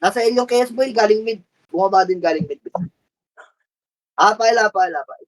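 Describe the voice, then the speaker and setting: A woman's voice: mid-range voice, moderate pace. A woman calling out commands to her team during an online game, firing off repeated orders and counts with lots of swearing. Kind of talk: live gaming voice chat callouts.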